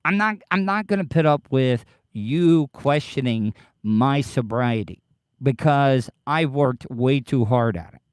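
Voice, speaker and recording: A man hosting a casual livestream, talking haltingly and defensively with profanity, his speech slightly slurred as if his lip is full of dip. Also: medium pitch, lively intonation, clean tone, no room sound, clean studio sound. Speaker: podcast livestream host. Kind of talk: casual livestream chat, answering live commenters.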